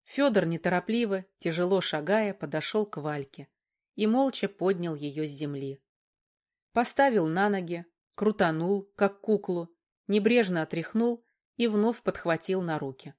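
A woman reading an audiobook in a measured, even narration. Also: fairly low pitch. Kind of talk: scripted narration.

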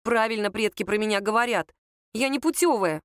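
A woman's voice: medium pitch, fairly quick, clean tone, no echo, studio quality, lightly acted. A woman reading a gloomy, self-pitying young woman student who complains sulkily and sarcastically in an audiobook. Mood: sulky.

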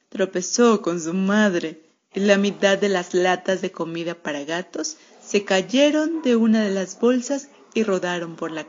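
A woman's voice: medium pitch, a little mellow. A woman reading a children's story aloud for radio, narrating in a wry, sardonic first-person cat voice. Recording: muffled lo-fi radio recording.

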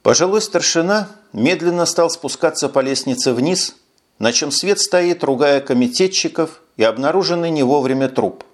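A man reading a crime story aloud in an even, measured narration. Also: a little high. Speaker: audiobook narrator. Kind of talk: scripted narration.

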